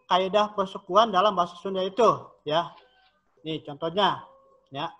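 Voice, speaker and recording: A man with a high, bright voice explains a lesson at an unhurried pace. He draws out each sample word carefully, as if for young students. The audio is dull and lo-fi, with a little music in the background. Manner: slow, drawn-out modelling of each syllable. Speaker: teacher.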